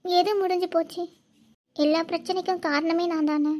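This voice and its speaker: A woman voicing a young village woman in a cartoon who teases and talks softly. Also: extremely high pitch, fairly even intonation, moderate pace. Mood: remorseful. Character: young village woman, teasing then guilt-ridden. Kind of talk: cartoon voice acting.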